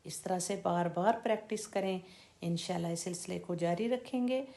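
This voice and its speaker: A woman teaching Quran recitation in a slow, deliberate lesson, stretching out and repeating each syllable to show how it is said. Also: lowish voice, dark tone. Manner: drawn-out demonstration of each syllable.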